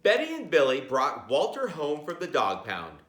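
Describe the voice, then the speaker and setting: His voice is slightly high, with huge pitch swings and a moderate pace. This read-aloud storyteller goes through a children's picture book, talking playfully and directly to his audience with chatty asides, all in a roomy, echoing space.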